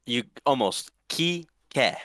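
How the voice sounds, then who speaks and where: A man's voice: mid-range voice, lively intonation, very slow, fairly bright tone, no echo. A young man from Mexico, talking politely and upbeat with his coach, often restarting his sentences. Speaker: student player. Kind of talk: casual chat.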